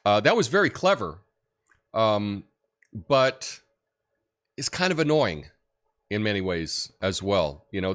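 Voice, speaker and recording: A deep-voiced man hosts a livestream, chatting casually and reading out viewer comments. He's relaxed and rambling, with lots of fillers and restarts.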